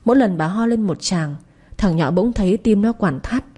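A woman narrating a dramatic story in a steady, scripted reading. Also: medium pitch, moderate pace, husky.

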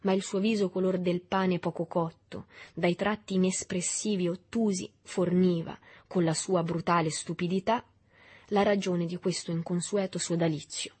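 A woman reading a literary novel aloud in a measured, even storytelling manner. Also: on the low side, husky. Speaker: audiobook reader. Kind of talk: literary audiobook narration.

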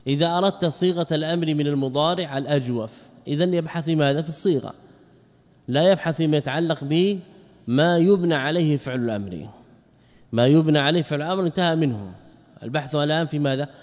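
A man's voice: a little high, darkish tone. Man quizzing students in an echoing hall. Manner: quizzes students with quick questions and answers them himself; drills word forms slowly, stretching examples. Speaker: Islamic scholar teaching Arabic grammar. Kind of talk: classroom lecture explaining a grammar poem.

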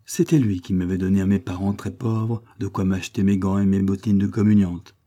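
Husky deep-voiced man narrating. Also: steady tone, fairly quick, warm tone. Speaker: audiobook reader. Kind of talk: scripted narration.

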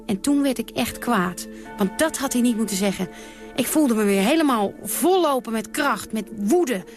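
A woman's voice: a little high, animated, normal speed, soft background music, close to an everyday voice. An actress playing a brash, defiant woman who tells of her wild nights in a theatrical radio monologue, blunt and dry with sudden outbursts. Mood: fierce.

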